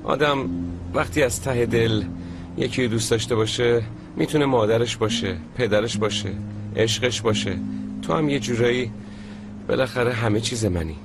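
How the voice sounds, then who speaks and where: A man's voice: mid-range voice, lightly acted. A man dubbing a hotheaded, protective young man in a TV drama, threatening rivals and coaxing his partner, with score music behind. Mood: soothing. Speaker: dub actor. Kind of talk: dubbed TV drama.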